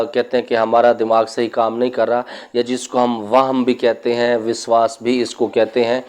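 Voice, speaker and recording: A man's voice: mid-range voice, darkish tone. A man, a spiritual healer, speaking indoors and giving earnest, cautionary religious advice to his viewers, with stories from his own practice. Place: indoor room.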